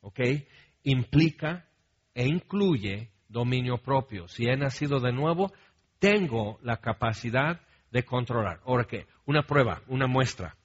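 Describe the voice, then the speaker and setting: Slow-talking Mexican pastor preaching. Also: male voice, mid-range voice, animated, breathy edge, highs cut off. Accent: Mexican Spanish. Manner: conversational, keeps checking in with the congregation; humorous storytelling with asides. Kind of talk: sermon.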